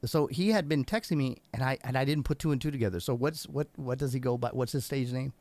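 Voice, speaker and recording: A man's voice: medium pitch, quick pace, a little mellow, no echo. Chatty man hosting a livestream. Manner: chatty, upbeat, repeats words and restarts often. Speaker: livestream show host. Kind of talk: casual livestream interview.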